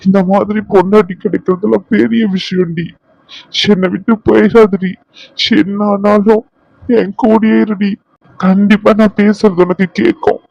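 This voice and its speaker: A man's voice: high voice, flat delivery, creaky, no echo, lo-fi sound, full character voice. A man voicing a remorseful grieving young husband. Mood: pleading. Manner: soft, pleading, slow and emotional. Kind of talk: cartoon drama voice-over.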